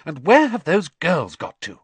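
A man voicing a bustling, sharp-tongued middle-aged mother, shrill and quick to scold. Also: sing-song, breathy edge, no room sound. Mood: snappish.

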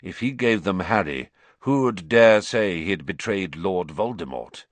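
A man voicing a gaunt, haunted male fugitive who speaks low, quietly and with a croak for an audiobook. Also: animated, measured pace, no room sound. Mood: brooding. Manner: quiet, brooding. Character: gaunt, haunted escaped male prisoner, bitter, intense.

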